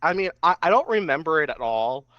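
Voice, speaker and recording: A man's voice: on the high side, sing-song, brisk, pushed and bright, dry recording. A young man, a podcast guest, reminiscing casually and filling his talk with "like". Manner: reminiscing, lots of "like" fillers. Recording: dry, slightly dull podcast mic.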